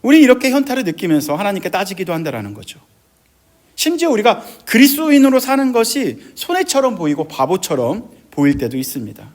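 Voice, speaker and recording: A middle-aged man pastor preaching a sermon, animated, acting out quoted voices with big jumps in his voice. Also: sits high, brisk.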